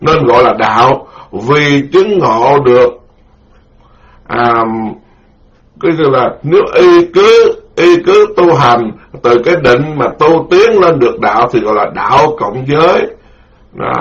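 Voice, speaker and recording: A middle-aged Buddhist monk delivers a dharma lecture. He speaks at a measured, deliberate pace, repeating his key terms so the assembly can follow. His voice sits at an ordinary male pitch, and the recording is dull and lo-fi. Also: expressive.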